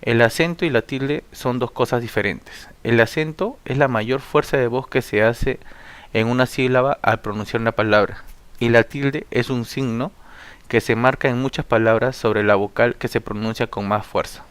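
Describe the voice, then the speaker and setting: A man walks through spelling rules like a classroom teacher. He reads steadily from his notes and drops into a slow, deliberate dictation for each example word. His voice is smooth and clear, recorded close and dry with no room sound. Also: medium pitch, a bit bright, dry recording. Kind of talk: spelling lesson read from notes.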